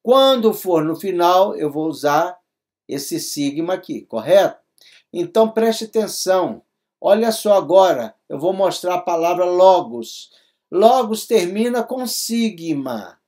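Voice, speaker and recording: A man's voice: sits high, expressive, unhurried, darkish tone. A man teaching a Greek lesson, explaining each step patiently and often checking that his students follow. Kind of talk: recorded classroom lesson.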